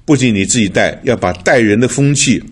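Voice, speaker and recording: A man's voice: medium pitch, fairly quick, husky. An older man from Taiwan preaching in a chatty, storytelling way, laughing often and mixing in English words. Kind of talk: sermon with personal stories.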